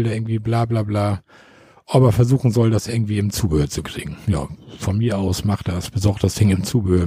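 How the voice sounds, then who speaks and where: Podcast co-host, man, rambling storyteller, dark voice, fast. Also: medium pitch, slightly rough, no room sound, clean studio sound. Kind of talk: casual storytelling chat.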